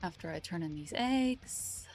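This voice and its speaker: Over soft background music, a tired woman game streamer wraps up her live stream, chatting casually and rambling with lots of fillers. Her voice is lowish and her pace measured, her manner relaxed.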